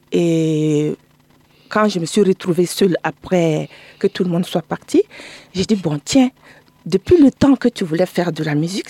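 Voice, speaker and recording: A woman's voice: lowish voice, dark tone, slightly rough, no room sound. A middle-aged woman from Burkina Faso, a guest telling her story in a chatty way in a radio studio interview.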